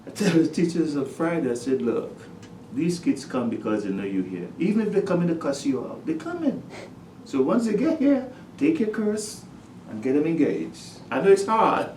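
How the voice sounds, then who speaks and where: A middle-aged man from Trinidad, a high school principal, telling lively stories about his students in a casual interview. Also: normal speed, a little hiss or hum. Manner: animated storyteller, acts out his talks with students. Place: school office. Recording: echoey room, distant mic.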